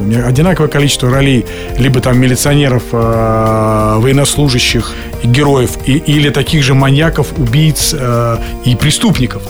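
A man in his fifties chats as a guest in a radio studio, rambling from one joking story to the next. He speaks into a studio microphone, and music plays clearly behind him. His pitch sits in an ordinary middle range. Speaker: actor guest on a radio show. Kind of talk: casual radio interview chat.

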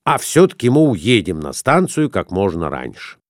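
A man voicing a jittery middle-aged husband, fretful and hurried, pleading to get away fast. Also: fairly low pitch, sing-song, no room sound, studio quality.

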